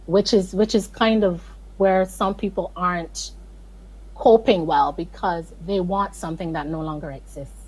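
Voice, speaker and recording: Speaking at a moderate pace in a fairly low, steady, slightly mellow and husky voice, this Barbadian woman is a morning show guest interviewed over video call. The audio is poor, and her manner is earnest and emphatic, at times pleading.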